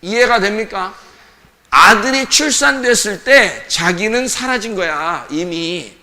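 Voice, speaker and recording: A male pastor preaching a lively, conversational sermon, acting out voices as he goes. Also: high voice, takes it slowly. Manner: animated, acts out parents' voices, conversational. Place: church sanctuary. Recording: church hall reverb.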